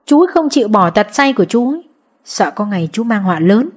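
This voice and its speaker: A woman voicing a calm village man who explains things patiently in an audiobook. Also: mid-range voice, fast talker, husky. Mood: reasoning.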